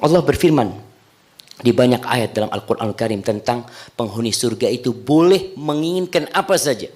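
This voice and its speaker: Animated man preaching a sermon. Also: moderate pace. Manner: animated, swings between soft hushed lines and loud high cries; addresses the congregation directly, asks them questions.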